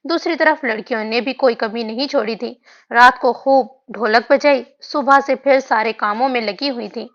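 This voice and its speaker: A woman's voice: fairly high pitch, normal speed, fairly bright tone. Woman narrating a romance audiobook. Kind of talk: reading a romance novel aloud. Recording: dull lo-fi audio.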